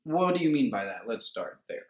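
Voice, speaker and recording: A man with a Mexican-American English accent co-hosting a casual sports radio show from home, chatty, excitable and joking. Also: medium pitch, moderate pace, highs cut off. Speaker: co-host. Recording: echoey room.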